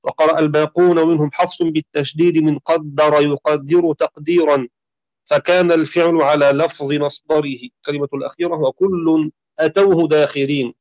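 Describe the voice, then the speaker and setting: A man giving a lesson on Quran reading variants, reading from a text and reciting verses slowly in a chanted tone. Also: a little high, little pitch movement, a little mellow, no room sound. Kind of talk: explanatory lecture reading from a text.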